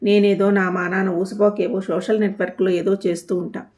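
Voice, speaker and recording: A woman voicing a poised young married woman who answers calmly, politely and with teasing wit. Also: medium pitch, a little fast, close to an everyday voice. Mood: calm, sarcastic.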